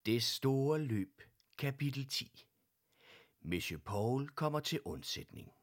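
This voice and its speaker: A man narrating a children's audiobook with expressive storytelling. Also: mid-range voice.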